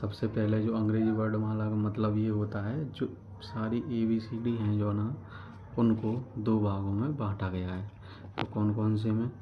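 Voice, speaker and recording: A man teaches a grammar lesson step by step, repeating key terms and answering his own questions. His voice is on the low side, his delivery flat, and his pace moderate. The recording is dull and lo-fi, with background noise.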